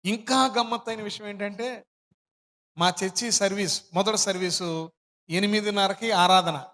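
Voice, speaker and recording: A man preaching with a high, bright voice that rings through a large hall. He tells his testimony with lively storytelling and acts out the people in it. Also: normal speed. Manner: animated storytelling, acts out family dialogue. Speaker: pastor. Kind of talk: sermon testimony. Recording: hall reverb.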